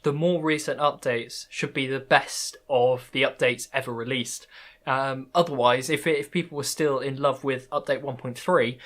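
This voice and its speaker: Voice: mid-range voice, fairly even intonation, normal speed, a bit bright. Hesitant chatty podcast host. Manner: hesitant, many fillers and restarts, laughs often. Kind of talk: casual podcast chat.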